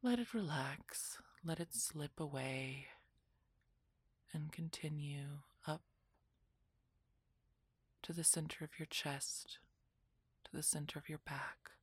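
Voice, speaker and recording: A woman narrating a guided relaxation meditation in a soft, soothing, breathy voice that often drops into a whisper, like a spa session. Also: sits low, slow pace, long pauses, no echo.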